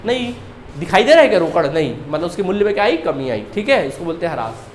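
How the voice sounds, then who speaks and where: A man teaches an accounting class in a high voice, throwing questions at his students and answering them himself. He drills key terms by repeating them over and over. The room sounds echoey, with a faint hiss of ambience behind him. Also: sing-song, fast. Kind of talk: classroom lecture.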